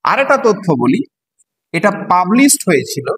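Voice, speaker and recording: A man's voice: high voice, sing-song, normal speed, a bit bright, husky, rough recording. A male teacher from West Bengal with a Bengali accent, explaining a poem to students. He spells words letter by letter and asks the class questions.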